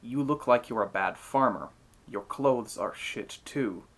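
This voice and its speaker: A man's voice: mid-range voice, a little slow, vocal fry, a bit bright. A man voicing an insolent old ferryman in a myth retelling, mocking and provoking.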